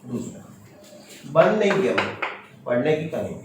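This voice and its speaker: Stern teacher in an echoey classroom. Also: male voice, medium pitch, sing-song, normal speed. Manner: firm, stern, quizzes students with short questions. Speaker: chemistry teacher. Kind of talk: classroom lecture. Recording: echoey classroom from far off, noisy.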